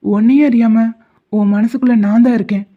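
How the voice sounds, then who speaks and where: Protective young man, gentle and teasing, voiced by a woman, for a cartoon, tinny phone-like sound. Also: fairly high pitch, fairly even intonation, brisk, natural voice. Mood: earnest. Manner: gentle coaxing teasing delivery. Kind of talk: animated story voice acting.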